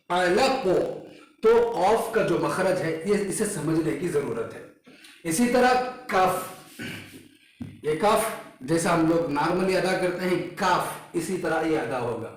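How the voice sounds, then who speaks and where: Slow, patient male recitation teacher, echoey room. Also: fairly high pitch. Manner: patient, repeats each letter sound slowly for learners. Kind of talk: explaining and demonstrating letter sounds.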